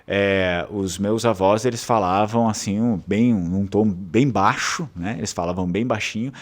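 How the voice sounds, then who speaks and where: This channel host from southern Brazil, with a matching regional Portuguese accent, rambles casually with plenty of fillers and restarts. His voice sits on the low side and moves a little slowly.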